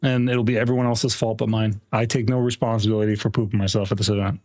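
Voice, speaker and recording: A man's voice: lowish voice, level tone, fast, a little mellow. A man hosting a livestream, chatting casually, joking crudely and laughing often. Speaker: livestream host.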